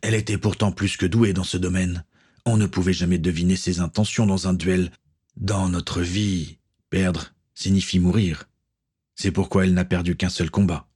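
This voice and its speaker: A man's voice: deep voice, fairly even intonation, moderate pace, a little mellow, breathy edge. A man voicing a stern middle-aged pirate captain, an uncle who speaks with firm authority.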